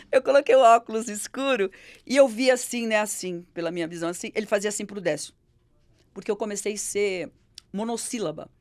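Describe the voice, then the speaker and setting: A middle-aged woman with a Brazilian Portuguese accent tells stories in an interview, her high voice lively. She acts out the voices of the people she quotes. The sound is close and dry. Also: dry recording. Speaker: interview guest. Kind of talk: storytelling in an interview.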